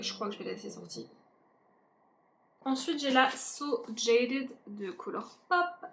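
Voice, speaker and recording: Woman beauty vlogger, fairly high voice, chatty and self-mocking, faint background noise. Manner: chatty, self-mocking, talks to viewers directly. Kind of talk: casual makeup declutter chat.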